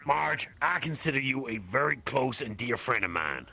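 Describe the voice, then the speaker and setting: A man in an in-character roleplay chat, rambling and animated as he tells things. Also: medium pitch, moderate pace, vocal fry, dry recording. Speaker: roleplay player. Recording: crowd chatter behind.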